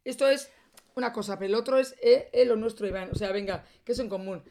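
A middle-aged woman co-hosts a casual podcast alongside her son. Her voice sits fairly high, and she gushes, echoing her own words again and again. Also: quick pace, dark tone. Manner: effusive, repeats phrases over and over. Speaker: podcast co-host, the host's mother. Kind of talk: casual chat.

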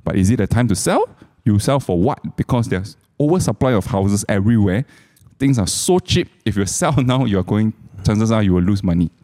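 A man's voice: fairly low pitch, animated, brisk, mellow. A man with a Malaysian accent explaining things casually as a co-host, in colloquial Malaysian English with local particles. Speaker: co-host commentator. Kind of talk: casual explanatory market chat.

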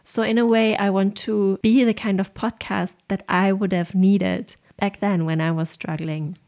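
A woman's voice: mid-range voice, fairly even intonation, unhurried, darkish tone. A young woman with a German accent hosting her own podcast, speaking in an earnest, open way. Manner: earnest, open, occasional light laughs. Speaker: podcast host and osteopath. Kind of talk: personal podcast monologue.

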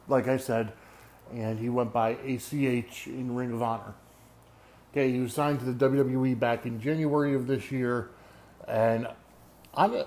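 A man's voice: medium pitch, a little mellow. A man giving casual solo sports commentary as a podcast host, conversational and emphatic, often checking in with listeners.

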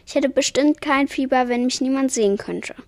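Woman voicing a timid furry yeti girl, high and pleading, anxious, storybook reading, dry close sound. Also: moderate pace, a little mellow, no room sound. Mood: nervous. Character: shy furry female yeti ballerina, timid and tender.

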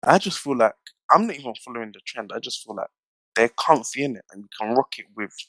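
Young male, London roadman accent, casual slang-heavy debater, medium pitch, very dry sound. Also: expressive, quick pace, fairly bright tone, dry recording, poor audio. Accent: London roadman, multicultural urban London slang. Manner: slangy, punctuated with check-in tags. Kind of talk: casual chat, debating opinions.

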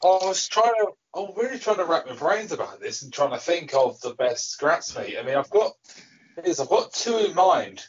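A man's voice: on the high side, sing-song, normal speed, highs cut off, slight background noise. A man with a British accent telling a rambling, stop-start story in casual podcast chat. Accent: British English. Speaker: podcast co-host.

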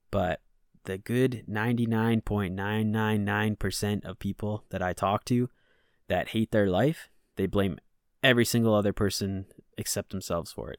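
A man's voice: low voice, smooth, no echo, clean studio sound. A man hosting a solo podcast, talking bluntly and with profanity as he rants about self-responsibility. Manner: blunt and profane, ranting with rising frustration. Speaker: podcast host. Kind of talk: casual solo podcast monologue.

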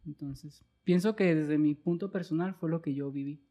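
A woman's voice: low voice, normal speed, warm tone. A woman guest talking earnestly and at length about passion, change and life plans in a casual interview. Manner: earnest, motivational, long flowing explanations. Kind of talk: reflective conversational talk.

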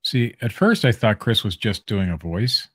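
A man with a low, husky voice chats casually as a podcast co-host. He teases in a relaxed way, and the sound is close and dry. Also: normal speed, no room sound. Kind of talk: casual chat, teasing. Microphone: USB desktop microphone.

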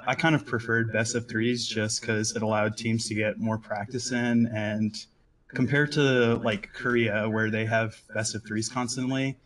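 A man calling in to a live show, explaining his view hesitantly with many fillers. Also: mid-range voice. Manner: hesitant, thinking aloud with fillers. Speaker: caller. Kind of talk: casual call-in.

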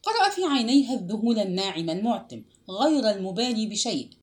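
A woman narrating a literary novel as an audiobook, with a measured, expressive reading. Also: mid-range voice.

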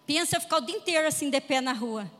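High-voiced Brazilian woman preaching with humor. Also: fast, big-room sound. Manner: animated comic storytelling. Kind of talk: humorous sermon testimony.

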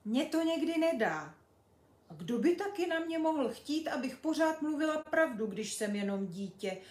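A woman voicing a cheeky nine-year-old girl who tells tall tales, lively and loud, in an echoey room. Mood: pleading. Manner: lively, boastful, high and loud.

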